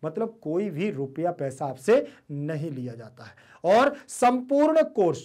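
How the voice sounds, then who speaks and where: A man's voice: a little high, sing-song, a little slow, darkish tone. Man teaching, repeating every point. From India. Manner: repeats each meaning and asks rhetorical questions. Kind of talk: online lesson explaining a Sanskrit text.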